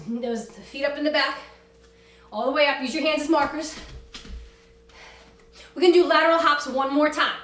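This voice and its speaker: High-pitched woman coaching a workout, echoey. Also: fairly bright tone. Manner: brisk, commanding, motivational coaching. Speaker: fitness class instructor. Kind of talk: energetic workout instruction with cues and countdowns. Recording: roomy echo, distant from the mic.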